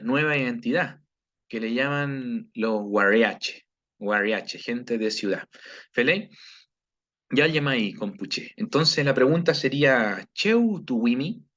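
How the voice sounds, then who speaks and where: A man with a Chilean Spanish accent teaching a recorded video lesson, patiently checking in with his students and pronouncing example phrases slowly and carefully. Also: medium pitch, a bit bright. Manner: patient, checks in with frequent "¿ya?" and "¿cierto?". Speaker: language teacher. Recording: slightly dull lo-fi recording.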